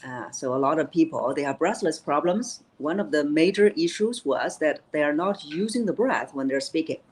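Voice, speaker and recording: A woman who works as a voice coach and keynote speaker explains vocal technique during a live interview, demonstrating voices as she teaches. Her low-sitting voice carries lively intonation at a moderate pace, and her manner is instructive.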